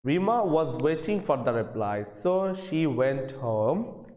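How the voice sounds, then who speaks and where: A Bangladeshi-accented man lectures live on English grammar to his students, his voice fairly high, expressive, slow and a touch mellow. He keeps repeating phrases and questions and calls out students by name. The room is very echoey, with a long reverb tail.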